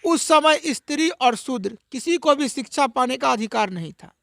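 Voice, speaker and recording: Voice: sits high, expressive, normal speed, vocal fry, fairly bright tone. An interviewer who asks long, probing questions with some hesitations. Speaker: interviewer, news reporter.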